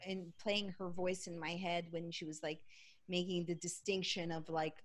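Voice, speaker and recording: A woman being interviewed as a guest, talking bluntly and animatedly with quick asides. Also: fairly low pitch, flat delivery. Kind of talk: casual conversational interview.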